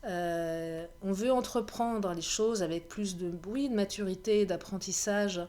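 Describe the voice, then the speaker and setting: A woman reads cards for her viewers in a relaxed, chatty way, her voice hoarse and catching in her throat. She jokes about it, laughs at herself and keeps going at a medium pitch. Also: a little slow. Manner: chatty, self-mocking, laughs and clears her throat often. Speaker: tarot card reader. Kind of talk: card reading guidance video.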